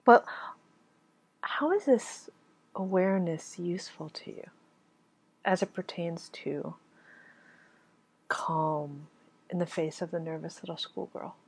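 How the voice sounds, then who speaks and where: A woman coaching on a call, asking slow, gentle questions and murmuring agreement. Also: lowish voice, husky.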